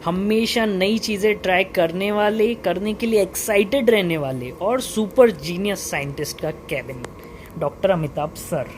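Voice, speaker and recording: With a high-pitched, unhurried voice, a young vlogger who works as a lab researcher casually shows viewers around an indoor research lab, mixing in English technical terms. A face mask slightly muffles him, and the hum of running lab equipment and air conditioning is clearly audible.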